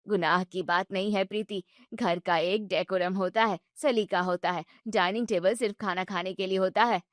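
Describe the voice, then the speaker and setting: A woman's voice: mid-range voice, fairly even intonation, normal speed, no echo, clean studio sound, pitched below the performer's own voice, natural voice. A woman voicing a bossy mother-in-law who scolds her daughter-in-law sharply. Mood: scolding.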